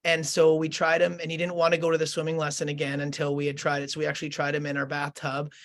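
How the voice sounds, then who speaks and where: A man, a school principal telling a story in conversation, earnest and halting, with many fillers and restarts. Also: a little high, completely flat delivery, a bit bright.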